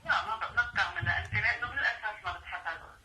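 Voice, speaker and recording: A woman's voice: medium pitch, very fast, bright, forceful tone, slight background noise. A middle-aged woman with a Levantine Arabic accent, chatting casually as a mother on the phone. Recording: tinny, echoey speakerphone, far off.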